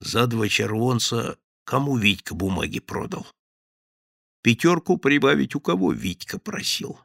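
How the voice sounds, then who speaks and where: A man voicing a cold gang boss who interrogates in a low, quiet voice. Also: lively intonation, a little slow, creaky, dry recording, studio quality, exaggerated voice. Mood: menacing.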